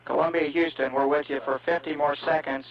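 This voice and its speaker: A man's voice: fairly high pitch, flat delivery, fairly quick, muffled recording. A man working as a mission control communicator, making procedural calls to a spacecraft over a two-way radio with static.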